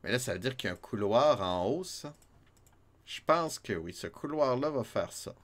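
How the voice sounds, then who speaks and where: A Québécois man plays a retro game on stream, animated and chatty as he jokes with viewers, laughs often, and reads their comments aloud. He talks at normal speed in a medium-pitched voice, keeping it a casual let's-play chat.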